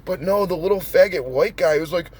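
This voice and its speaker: A man's voice: high-pitched, a little fast, darkish tone, breathy edge, rough recording. A man ranting in a confrontational, profane vlog, addressing someone directly. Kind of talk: angry rant vlog.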